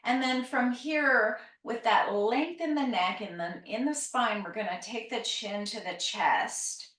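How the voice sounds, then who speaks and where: In a roomy, echoing space, a woman speaks at a slow pace, guiding a calm grounding exercise as a yoga teacher. Her instruction is gentle and encouraging, with softly trailing phrase endings. The microphone sounds set back from her. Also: a little high, far from the mic.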